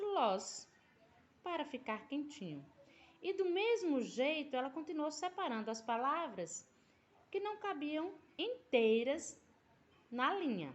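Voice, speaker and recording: A woman teaching a primary school language lesson, explaining patiently and drawing out syllables, with a Brazilian Portuguese accent. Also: high voice. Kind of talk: recorded remote class lesson.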